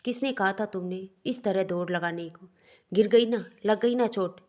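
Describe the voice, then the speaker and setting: A man's voice: high-pitched, fairly even intonation, moderate pace. A woman voicing a stern young husband. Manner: scolding, curt. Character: stern young husband, cold but caring.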